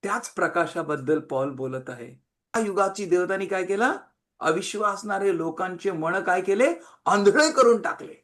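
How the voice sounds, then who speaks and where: A man preaching a sermon, emphatic, swinging between loud and quiet and repeating phrases in long lists. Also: high-pitched, normal speed.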